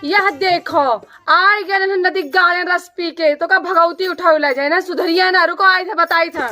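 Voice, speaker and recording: Woman acting a shrill, scolding village wife. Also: fairly even intonation, a little slow, bright, forceful tone, faint music behind, full character voice. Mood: exasperated. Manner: shrill nagging. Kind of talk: rural comedy sketch acting.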